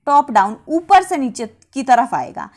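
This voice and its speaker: A woman teaching an exam-prep lesson, asking herself rhetorical questions and then answering them, repeating key terms slowly. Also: high-pitched, big pitch swings, darkish tone.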